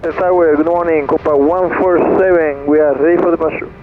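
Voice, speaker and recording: A man's voice: fairly high pitch, fairly even intonation, fairly quick. A man working as an airline pilot, making clipped radio calls to the tower through his cockpit headset. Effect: pilot speaking over the cockpit headset radio. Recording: tinny radio transmission with faint static.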